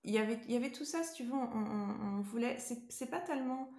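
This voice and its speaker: A woman's voice: on the high side, quick pace, reverberant, over a noisy crowd. A middle-aged woman being interviewed casually, choosing her words hesitantly and often restarting her sentences. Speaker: interview guest, beauty brand co-founder.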